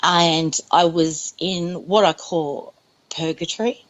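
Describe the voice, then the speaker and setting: A woman's voice: lowish voice, fairly even intonation, slow, low-quality recording. A woman giving an earnest, emphatic personal testimony in an interview. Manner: earnest, emphatic, repeats herself. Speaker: interviewee recounting a near-death experience.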